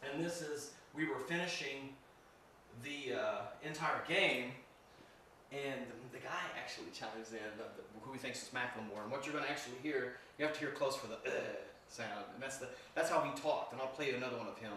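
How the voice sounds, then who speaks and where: A man's voice: mid-range voice, a little fast, sharp tone. A man giving a casual talk to a live audience, chatty, laughing often and repeating himself. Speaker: filmmaker and ghost hunter giving a talk. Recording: echoey room from far off, background noise.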